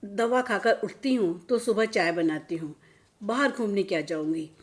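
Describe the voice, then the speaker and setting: A tired mother of sixty, as a woman reads her part, answering her family in soft, resigned replies. Her voice stays close to an everyday speaking voice in this storybook telling, level and even. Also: medium pitch, moderate pace, natural voice. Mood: weary. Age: 60s. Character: overworked sixty-year-old mother, patient and weary.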